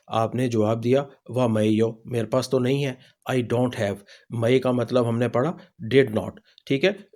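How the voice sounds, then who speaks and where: A man with a Pakistani Urdu accent teaching a language lesson, explaining slowly with many pauses and repeating each word. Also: medium pitch, a little mellow.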